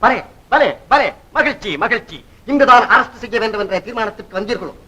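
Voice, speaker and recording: An actor playing a pompous, eccentric art master who talks in a theatrical way in a classic film. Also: male voice, very high-pitched, fast, pushed and bright. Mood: mocking.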